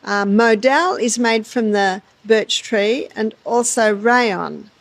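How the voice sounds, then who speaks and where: Australian woman, health educator, calm explainer, slightly high voice, close dry mic. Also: slow, no room sound. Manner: calm, explanatory, folksy with frequent laughs. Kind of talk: interview answers.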